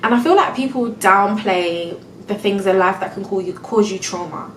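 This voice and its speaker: A woman's voice: medium pitch, moderate pace, echoey room, recorded from a distance, a little hiss or hum, rough recording. A young woman venting in a casual storytime vlog, exasperated and close to tears, full of "like" and "do you know what I mean". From England. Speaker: vlogger.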